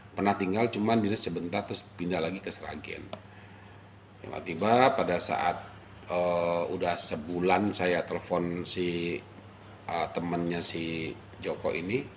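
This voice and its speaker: A middle-aged man from Java casually telling a personal story, animated and emotional, acting out the quotes. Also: low-pitched, gravelly, a little hiss or hum. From Java, Indonesia. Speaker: storyteller recounting his life.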